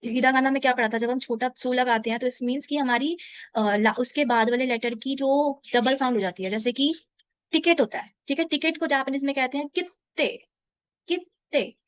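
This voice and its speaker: A woman teaching a beginner language lesson, explaining patiently and repeating words slowly and drawn out. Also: high voice, no room sound, highs cut off. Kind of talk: explaining a beginner lesson in Hindi-English mix.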